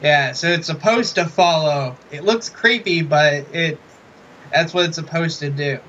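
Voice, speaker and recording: A man hosting an interview, asking questions in a soft, slightly mumbling, hesitant way from inside a fursuit head. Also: a little high, unhurried. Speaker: interviewer, channel host. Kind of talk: casual interview. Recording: muffled, dull audio with hiss.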